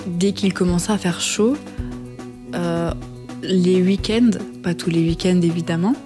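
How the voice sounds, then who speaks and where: Jeune femme hésitante, italien, posée. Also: female voice, lowish voice, fairly even intonation, unhurried, music in the background. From Italy. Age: 20s. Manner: hesitant, many fillers. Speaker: interviewee. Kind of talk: documentary interview.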